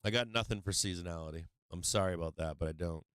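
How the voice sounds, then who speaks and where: A man giving casual live trading commentary as a show host, blunt and profane, often halting and repeating himself. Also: low voice, a bit bright, clean tone, dry recording, studio quality.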